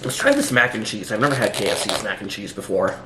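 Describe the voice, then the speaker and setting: Fast-talking and lowish in voice, a hungover man rambles through a casual, unscripted food review. He's hesitant and dryly sardonic, using lots of filler words, and the recording has a roomy echo with faint background noise.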